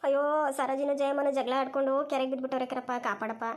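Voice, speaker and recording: A woman's voice: high voice, fairly even intonation, rapid-fire, close to an everyday voice. A woman voicing an anxious young village woman in a cartoon who wails and pleads for help. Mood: pleading. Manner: wailing, pleading. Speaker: bystander at the lake. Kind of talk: cartoon voice acting.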